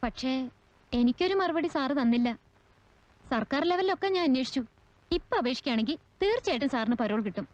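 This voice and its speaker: A woman's voice: high-pitched, lively intonation, fairly quick, pauses often, dry recording. An earnest, persistent young woman. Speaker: visitor urging a parole. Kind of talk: 1980s film acting. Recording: dull old film sound.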